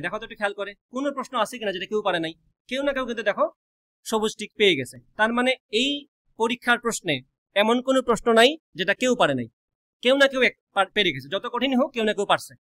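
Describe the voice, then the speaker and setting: A young man with a colloquial Sylheti-tinged Bengali accent, giving a blunt, rapid-fire orientation lecture as a coaching teacher, mixing in English words. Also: high-pitched, pushed and bright. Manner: rapid-fire, says he always talks fast.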